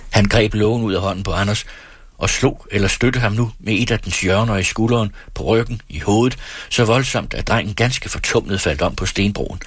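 A man narrating a novel as an audiobook in a calm, measured reading voice. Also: on the low side, breathy edge, no echo.

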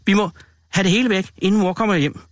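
A bossy, contemptuous older boy who barks orders, as a man reading aloud plays him. His pitch is lifted a little above the reader's own, and the sound is close and dry. It is a storybook voice, not a full character performance. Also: steady tone, dry recording, lightly acted. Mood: urgent. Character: bossy, scornful big brother, a boy.

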